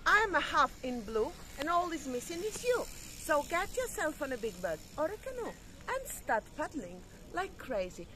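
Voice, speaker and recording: Woman, high voice, sing-song and affectionate, outdoors, faint background noise. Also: big pitch swings, normal speed, sharp tone. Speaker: vlog co-host. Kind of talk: casual vlog chat. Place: outdoors on a seaside promenade.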